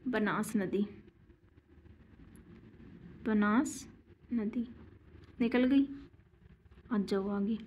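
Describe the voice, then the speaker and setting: A woman teaching a geography lesson, slowly repeating key names and quizzing her students with questions as she draws on a board. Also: on the high side, a little mellow, highs cut off. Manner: slow and deliberate, drawing on a board while explaining.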